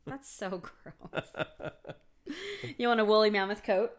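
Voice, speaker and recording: A woman from the United States co-hosting a casual chat, playful and chatty, telling stories in an animated way. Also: medium pitch, slow. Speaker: podcast co-host.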